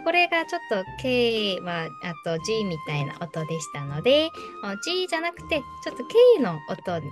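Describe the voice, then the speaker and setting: A woman's voice: medium pitch, very animated, fast, music in the background. A woman language teacher patiently explaining pronunciation during an online one-to-one lesson over a video call.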